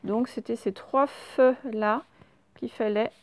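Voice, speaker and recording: Une enseignante qui fait une leçon d'orthographe pour enfants, lente et patiente, qui répète chaque mot deux fois. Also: female voice, fairly high pitch, fairly even intonation, a little mellow, no echo. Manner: slow, patient, repeats each word twice. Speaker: teacher. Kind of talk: spelling lesson read to children.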